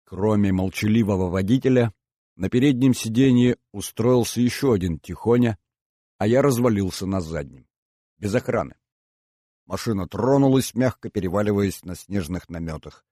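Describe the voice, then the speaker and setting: Mellow low-voiced male audiobook narrator. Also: moderate pace, no echo, clean studio sound.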